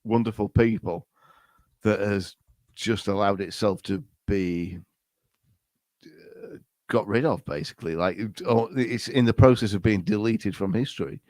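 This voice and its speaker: A man with a fairly low voice hosts a casual podcast chat. He rambles and restarts his sentences often. The sound is dry and close, with no room around it. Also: measured pace, pauses often, a little mellow, no room sound. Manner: rambling, hesitant, with frequent restarts. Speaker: podcast host.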